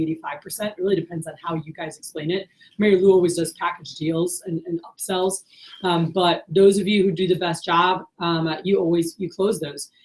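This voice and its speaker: A woman with a fairly low voice runs a sales training session. She is upbeat and coaching, and she puts questions to the group as she walks them through the steps. A faint hiss sits under her voice. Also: low-quality recording. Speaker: sales team leader.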